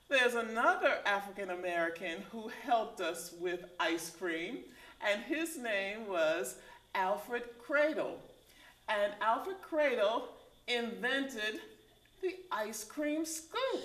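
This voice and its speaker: A woman hosting a community talk show, explaining in a measured storytelling way. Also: medium pitch, a bit bright, reverberant. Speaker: host.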